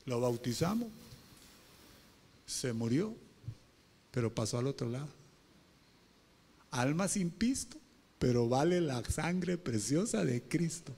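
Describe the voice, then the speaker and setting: A man preaching a sermon as pastor, moving from low talk to shouted pleas and calling on the congregation with questions. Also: big pitch swings, takes it slowly, vocal fry, long pauses, slightly rough. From Honduras.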